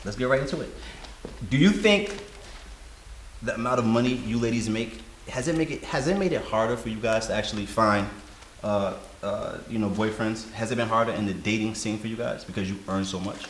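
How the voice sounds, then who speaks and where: A man hosting a casual roundtable, asking loose, halting questions with repeated fillers. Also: on the low side. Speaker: host. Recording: echoey room with faint hiss.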